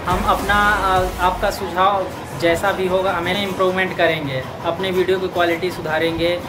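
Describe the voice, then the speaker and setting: Young man running quick street interviews. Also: high voice, level tone. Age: young adult. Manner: quick, friendly questioning. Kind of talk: street vox-pop interview. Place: outdoors on city streets. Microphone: handheld mic held to passers-by. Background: background music.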